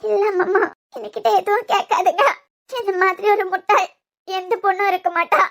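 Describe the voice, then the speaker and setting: A woman's voice: very high voice, level tone, fairly quick, bright, forceful tone. A woman voicing a tearful young wife with a Kanyakumari accent. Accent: Kanyakumari Tamil. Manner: pleading, sniffling. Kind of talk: cartoon web series voice acting.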